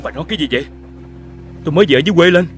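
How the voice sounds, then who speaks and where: A man's voice: fairly high pitch, lively intonation, rapid-fire, a bit bright, slight background noise. An actor playing a puzzled man just back from the countryside, confused and defensive.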